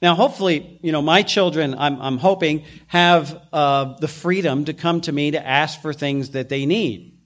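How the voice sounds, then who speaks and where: A man's voice: on the high side, moderate pace, fairly bright tone. A middle-aged male pastor giving an earnest expository sermon, with frequent restarts as he works through the text.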